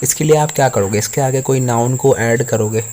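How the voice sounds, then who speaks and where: A man's voice: medium pitch, a little fast, a little mellow, a little hiss or hum. Man teaching an English grammar lesson. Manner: patient step-by-step explaining.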